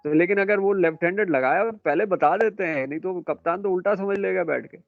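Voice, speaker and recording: A man teaching a class on ships, quizzing and correcting his students in a brisk, scolding way. His voice sits a little high and sounds dry and close. The sound is dull and muffled, with faint music underneath. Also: creaky, no room sound. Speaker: instructor. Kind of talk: classroom lecture.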